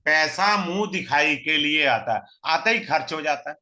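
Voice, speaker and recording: Man, astrology teacher, recorded lesson, fairly high voice, asks and answers his own questions. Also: lively intonation, normal speed, bright, forceful tone. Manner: asks the class rhetorical questions and answers them himself; mixes in English terms and repeats key phrases. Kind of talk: recorded online lesson, explaining step by step.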